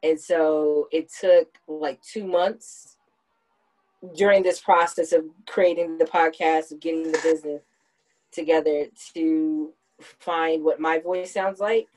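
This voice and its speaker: A woman in her thirties hosts a podcast, talking things through in a casual, reflective way and explaining at length. Her voice is deep and darkish, steady in tone and slow, and the audio is poor.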